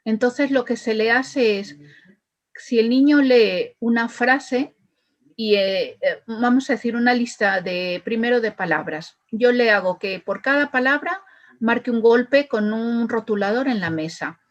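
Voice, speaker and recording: A woman's voice: a little high, unhurried. A woman speech therapist, explaining her methods with worked examples and frequent fillers. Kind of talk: explaining to an interviewer.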